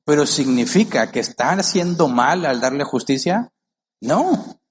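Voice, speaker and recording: A man's voice: a little high, expressive, measured pace, slight background noise. A male pastor preaching a sermon, emphatic, firing rhetorical questions at the congregation and acting out quoted voices. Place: church.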